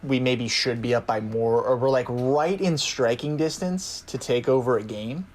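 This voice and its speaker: A young man co-hosting a sports podcast, chatting casually and telling animated stories with frequent laughs. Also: medium pitch, moderate pace. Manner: animated storyteller, laughs often. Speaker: podcast co-host. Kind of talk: casual chat.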